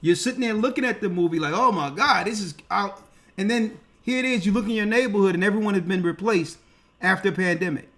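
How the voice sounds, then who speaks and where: A man's voice: high-pitched, fast, fairly bright tone. A man hosting a call-in show, talking casually and often repeating "all right" and "okay.". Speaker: host.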